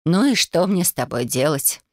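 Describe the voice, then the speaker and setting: A woman voicing a stern, scolding grandmother witch over eighty, speaking slowly and gruffly. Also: low voice, sing-song, a little mellow, no room sound, studio quality. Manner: slow, gruff and reproachful.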